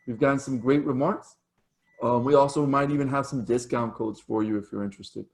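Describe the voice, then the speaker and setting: A man's voice: mid-range voice, steady tone, fairly quick. A man hosting an online community meetup over a video call, chatty and full of fillers, saying he is losing his voice. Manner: chatty, with fillers and self-corrections. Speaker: meetup host.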